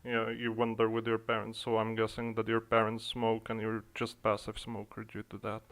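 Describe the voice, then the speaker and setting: A man's voice: lowish voice, completely flat delivery, normal speed, fairly bright tone. A young man from the Czech Republic with a Czech accent, chatting hesitantly on a livestream and thinking aloud with many fillers. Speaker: streamer. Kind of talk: casual livestream chat. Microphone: desk microphone being adjusted in streaming software.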